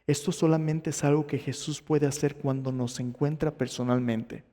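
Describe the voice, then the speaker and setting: A man's voice: fairly high pitch, level tone, normal speed, warm tone, in a large hall. A male pastor preaching a sermon, telling the story dramatically and asking the congregation questions. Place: church sanctuary.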